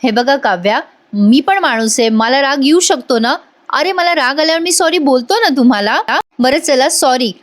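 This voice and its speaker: A quick-tempered young husband from a TV drama, read aloud by a woman argues his case and will not back down. The voice stays a fairly high, everyday female voice with no change in timbre. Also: animated. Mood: pleading.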